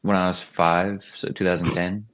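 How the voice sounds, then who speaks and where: A young man being interviewed as a guest. His voice is very low, and he keeps his answers short and easygoing. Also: level tone, normal speed, a bit bright. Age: young adult. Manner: laid-back, short understated answers. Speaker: guest racer.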